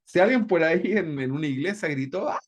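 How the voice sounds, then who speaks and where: A man's voice: a little high, lively intonation, a little fast, a little hiss or hum. A man teaching a Bible discipleship class in a conversational way, often checking in with "¿verdad?". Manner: conversational, keeps asking "¿verdad?".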